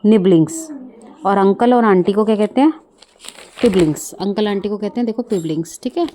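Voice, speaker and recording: A woman teaches English vocabulary, walking through each word step by step and asking the listener questions. Her voice is mellow and warm, pitched in a middle range. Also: fairly quick. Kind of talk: bilingual vocabulary lesson.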